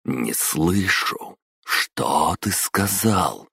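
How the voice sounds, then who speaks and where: A man's voice: sits low, extremely slow, gravelly, husky, no room sound, studio quality, full character voice. A man playing a smug, cool young trainee. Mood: menacing. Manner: calm and smug, turning cold and menacing. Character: cool, cocky young male office trainee.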